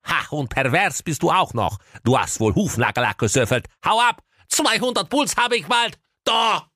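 A brusque evil stepmother barks orders in a raised, nagging voice, all bluster and impatience, as a man puts her on. She is the villain of a silly storybook farce, and the sound is dry and lively. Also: a little high, normal speed, no echo, pitched above the performer's own voice. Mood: gruff. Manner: brusque, shouting. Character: gruff evil stepmother, former shot-putter.

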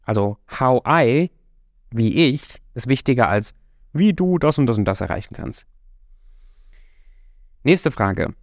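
A man's voice: mid-range voice, lively intonation, takes it slowly, pauses often, dry recording. Encouraging coach man, dry close voice. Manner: direct and encouraging, addresses listener as du. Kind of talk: motivational talk to the listener.

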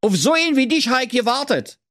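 Storybook role: a squeaky, bossy little fat king in a dry close read. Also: very animated, fast talker, fairly bright tone, no room sound, heavily acted. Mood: blustering. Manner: shrill, blustering, bossy. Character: small fat grumpy curry-sausage king.

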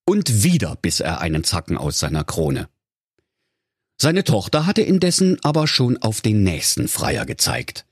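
A man's voice: lowish voice, huge pitch swings, a little slow, slightly rough, dry recording, studio quality. A man telling a comic fairy tale in a mock-solemn, playful way. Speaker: storyteller.

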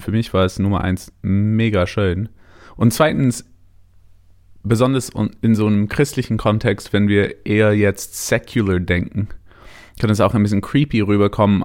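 Low-voiced man, English accent in German. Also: a little mellow. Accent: British English accent in German. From Canada and England. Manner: hesitant, mixes English words into German. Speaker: interview guest, musician. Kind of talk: casual autobiographical interview.

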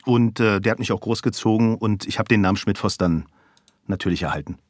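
A fairly low-pitched, brisk man in his fifties from Germany talks as a guest on a talk show, the recording dry and clean like a studio. As a voice actor in a casual interview, he tells a personal story openly and relaxedly, using many fillers.

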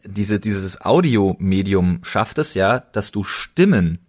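A podcast co-host with a fairly low, slightly mellow voice chats casually and enthusiastically. He's expressive and takes his time, leaning hard on emphatic, slangy words.

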